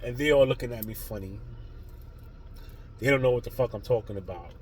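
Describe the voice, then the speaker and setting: A man's voice: mid-range voice, brisk, a little mellow, a little hiss or hum, low-quality recording. A man vlogging a blunt, profane spiritual monologue with heavy emphasis.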